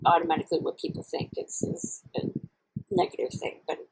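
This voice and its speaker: A woman chatting candidly and casually to camera in a halting, reflective way, chewing while she talks. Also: a little mellow, poor audio. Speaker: vlogger. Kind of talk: casual personal chat to camera while eating.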